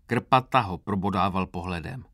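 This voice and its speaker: Audiobook narrator, man, low bright voice, dry close sound, wry calm read. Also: no echo. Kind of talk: first-person literary narration.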